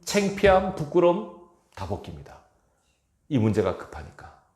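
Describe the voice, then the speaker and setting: A man's voice: a little high, wildly swooping pitch, moderate pace, darkish tone. A male pastor preaching a sermon with emphasis, asking his congregation rhetorical questions, recorded in an echoey church hall. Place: church sanctuary.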